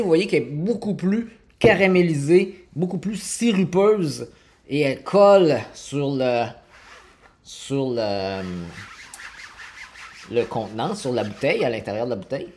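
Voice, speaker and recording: Cooking live in his home kitchen, a forties-aged man from Quebec with a Québécois French accent talks loosely to his stream, full of fillers, responding to viewers by name. His darkish voice sits on the high side, captured by a camera fixed on the counter.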